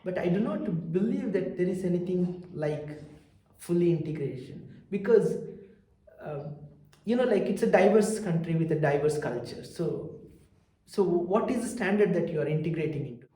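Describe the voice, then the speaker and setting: A man's voice: high-pitched, animated, normal speed, dark tone. South Indian man in an echoey room. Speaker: interviewee, immigrant entrepreneur. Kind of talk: personal account in an interview. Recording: roomy, echoing sound.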